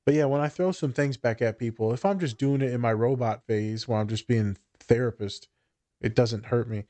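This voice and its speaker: A man's voice: medium pitch, moderate pace, mellow. A man co-hosting a podcast as a therapist, telling stories casually in candid, slangy, joking talk with plenty of swearing. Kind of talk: casual podcast chat, storytelling.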